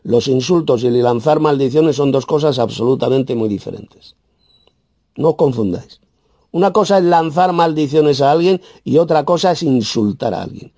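A man with a Spain Spanish accent preaching a verse-by-verse sermon, emphatic and scornful, with sudden loud, high bursts and a habit of tagging his points with "¿eh?". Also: dry recording. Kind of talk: sermon, verse-by-verse Bible exposition.

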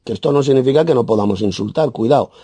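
A man with a Spain Spanish accent preaching a verse-by-verse sermon, emphatic and scornful, with sudden loud, high bursts and a habit of tagging his points with "¿eh?". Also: racing, husky, no echo. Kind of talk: sermon, verse-by-verse Bible exposition.

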